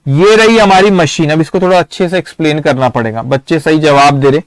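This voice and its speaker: Man, accounting teacher, high voice, smooth and clear, dry close recording, quizzes students then answers. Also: fairly quick, no echo. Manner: coaxing, asks students questions and answers himself. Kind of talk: live online lecture.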